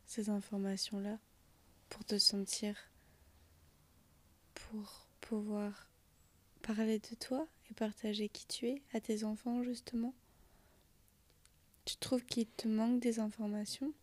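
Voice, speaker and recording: A woman hosting a podcast conversation, asking gentle, probing questions, often in a half-whisper. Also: mid-range voice, little pitch movement, takes it slowly, long pauses. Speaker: podcast host. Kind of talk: intimate conversation.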